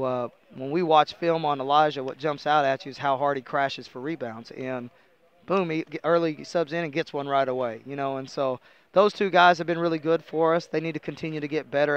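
The voice is fairly high and clean-toned, but the sound is lo-fi. It belongs to a middle-aged American basketball coach who explains things in a conversational way during a postgame interview, wearing a headset mic at an indoor arena interview table and often saying "you know."

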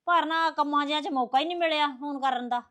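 A woman playing a mother who tries to calm an upset relative with apologies and explanations. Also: sits high, quick pace. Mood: placating. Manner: placating, apologetic. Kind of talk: family short-film acting.

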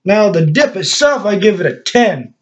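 A man's voice: high-pitched, big pitch swings, moderate pace, highs cut off. A man giving a rambling casual vlog review while talking with dip in his lip, laughing at his own jokes. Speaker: product reviewer.

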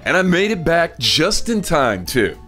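A man's voice: a little high, very animated, measured pace. A man narrating a travel video in a scripted voice-over, delivered in an informative, tour-guide way. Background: soft music bed.

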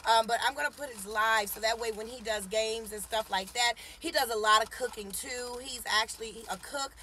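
A woman in her forties, her voice fairly high, bright and forceful at a normal speed, hosts a casual live stream from a parked car. She chats, teases and greets viewers by name, recorded on a phone camera held at arm's length with slight background noise.

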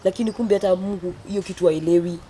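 A young Kenyan woman talks quickly in a fairly low voice, telling stories in a casual mix of Swahili and English. Outdoor noise is audible around her. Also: fairly even intonation, dark tone. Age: young adult. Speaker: guest, comedian. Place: outdoor garden. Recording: clearly noisy outdoor ambience.

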